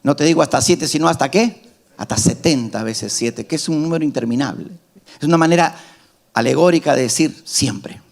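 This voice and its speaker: High-pitched preaching pastor, man. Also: fairly quick, creaky. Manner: emphatic preaching, rising to loud climaxes and dropping to soft asides. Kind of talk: sermon.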